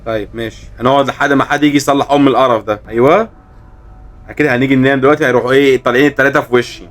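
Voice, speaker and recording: Egyptian male let's-player; very fast, jokey, mid-pitched, exclaiming at the game. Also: slight background noise. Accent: Egyptian Arabic. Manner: excitable, exclaiming, joking reactions. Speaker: gaming host. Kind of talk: horror game let's-play commentary.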